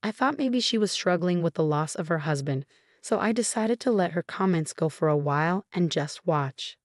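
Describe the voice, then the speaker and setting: A woman reading a scripted first-person story in a calm, even storytelling manner. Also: fairly low pitch, moderate pace, no echo, studio quality. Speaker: narrator.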